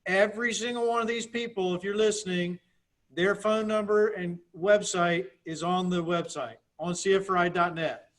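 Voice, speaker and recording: A man's voice: high voice, steady tone, moderate pace, fairly bright tone. A man moderating a group meeting, upbeat and informal as he thanks the panelists and calls on the next speaker. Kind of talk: casual meeting hosting.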